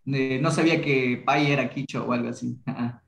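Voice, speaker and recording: A young man from the Amazon, casually teaching a language workshop over a video call, halting and restarting often. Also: medium pitch, steady tone, creaky, echoey room, low-quality recording. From Ecuadorian Amazon. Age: young adult. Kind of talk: online class discussion.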